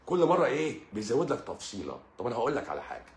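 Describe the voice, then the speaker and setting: A man's voice: medium pitch, racing, reverberant. A man with an Egyptian Arabic accent giving a religious talk, speaking straight to his listener and often repeating himself. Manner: lively, addresses listener directly, repeats and stammers. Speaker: channel host.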